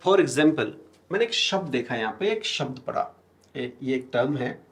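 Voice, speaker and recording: A man's voice: medium pitch, big pitch swings, unhurried. A male teacher giving a classroom lecture with an Indian English accent. He explains step by step, keeps asking his students questions and answering them himself, and writes on a board as he talks. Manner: writes on a board while talking.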